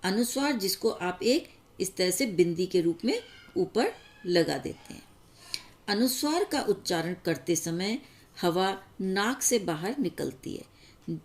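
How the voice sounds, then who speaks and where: A woman teacher explains grammar rules slowly and carefully. She pauses to sound out each example, at an easy, measured pace. Her pitch sits at an ordinary middle height. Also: expressive. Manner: slow, explaining step by step with examples. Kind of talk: classroom grammar lesson.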